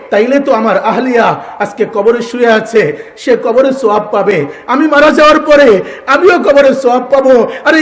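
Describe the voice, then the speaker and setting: A man in his thirties or forties preaching an impassioned sermon, rising to loud exhortations. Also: high voice. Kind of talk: Bengali waz sermon. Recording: echoey hall with long reverb.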